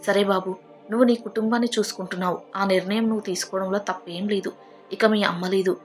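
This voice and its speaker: A woman's voice: mid-range voice, steady tone, fast, faint music behind, natural voice. A woman voicing a grieving, stern elderly father in a storybook, speaking with bitter reproach. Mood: resigned.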